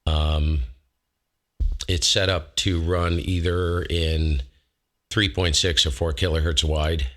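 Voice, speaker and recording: Speaking slowly with little pitch movement, a low-voiced man runs a ham radio show from his home shack, casually demoing microphones on a close dynamic studio mic. He rambles, corrects himself, and keeps things folksy.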